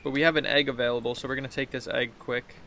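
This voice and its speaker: A man in his thirties sits at a computer in an indoor room, giving casual, slangy let's play commentary as he reacts and thinks aloud over game music. His medium-pitched voice is level, fast, and sharp, with slight background noise.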